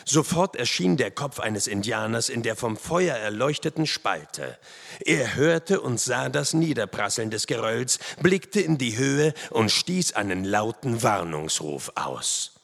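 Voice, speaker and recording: A man reading a first-person adventure story aloud in a dramatic, expressive way. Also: mid-range voice, a little slow, creaky. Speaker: audiobook narrator. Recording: long hall reverb.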